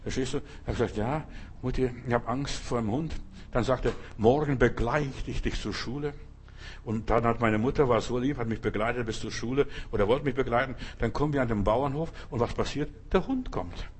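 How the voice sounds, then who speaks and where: A man preaching a sermon, telling a story and then urging listeners forcefully, often repeating himself. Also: medium pitch, fairly quick, breathy edge. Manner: storytelling, then forceful exhortation with bursts of emphasis; restarts and repeats words often, asks "verstehst du?".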